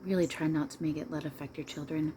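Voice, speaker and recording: A woman with a low voice speaks as a seance medium in trance, delivering channeled advice. She is emphatic and insistent, often repeating herself as she counsels her listeners. There is some noise behind her. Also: fairly even intonation, fast, dark tone. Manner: emphatic, repetitive, preachy counsel addressed to listeners.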